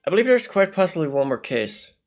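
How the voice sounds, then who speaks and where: A man's voice: a little high, very animated, quick pace, faint music behind. A man giving casual commentary on a game, thinking aloud as he weighs things up. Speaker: video game player commentator.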